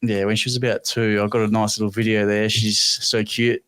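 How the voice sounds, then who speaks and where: An Australian dad with a fairly low voice, settling into an easygoing story about his daughter. He talks casually and warmly paced, like he's sharing it among friends. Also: level tone, fairly quick, clean tone, no echo. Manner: easygoing, anecdotal. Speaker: guest's father.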